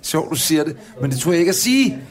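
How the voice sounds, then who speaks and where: High-voiced Danish man telling a story. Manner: animated storytelling, laughing, acting out dialogue. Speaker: podcast co-host. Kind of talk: casual chat over dinner. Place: restaurant.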